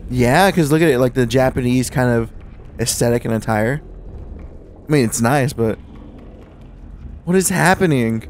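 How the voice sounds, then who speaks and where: A man's voice: mid-range voice, moderate pace, pauses often, a little hiss or hum. A young man chatting casually and laughing often while playing a video game with a friend. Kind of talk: casual let's-play commentary.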